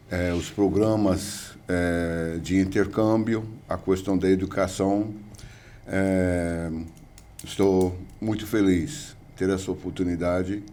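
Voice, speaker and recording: A man's voice: deep voice, a little mellow. An older man from the United States with an American English accent, a guest professor speaking hesitantly with many fillers in an interview. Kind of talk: interview conversation.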